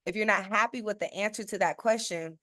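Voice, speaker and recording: A persuasive woman presents a sales-style webinar as a financial educator. She stresses her points and asks her listeners rhetorical questions, often tagging "okay?" onto her sentences. Her voice sits at an ordinary pitch and sounds dry and close, with no room echo. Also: brisk, fairly bright tone. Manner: checks in with listeners with a frequent "okay?".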